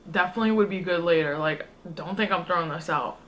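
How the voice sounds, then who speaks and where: A woman's voice: fairly low pitch, a little fast, fairly bright tone. A young woman chatting casually to her viewers as a food vlogger, in an informal, slangy, rambling way. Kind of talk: casual mukbang chat to viewers.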